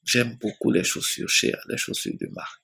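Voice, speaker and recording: A man telling his personal faith testimony slowly, repeating phrases and often dropping to a soft, near-whispered voice. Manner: slow storytelling with many repetitions. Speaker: church member giving a testimony.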